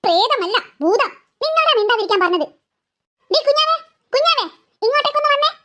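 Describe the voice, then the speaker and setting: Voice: extremely high pitch, lively intonation, brisk, bright, forceful tone, heavily acted. A performer voicing an impatient mother who scolds and threatens her daughter. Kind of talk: cartoon voice acting.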